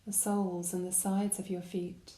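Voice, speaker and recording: With a fairly low pitch and a dark, mellow tone, a woman narrates a guided body scan meditation. She phrases her instructions calmly, gently and without hurry. Reflections can be heard around her voice in the roomy recording.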